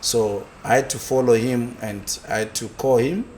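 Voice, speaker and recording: A man from South Africa, a construction business founder, telling his life story as an interview guest, haltingly, with many fillers and repeated words. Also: mid-range voice, fairly even intonation, darkish tone, a little hiss or hum.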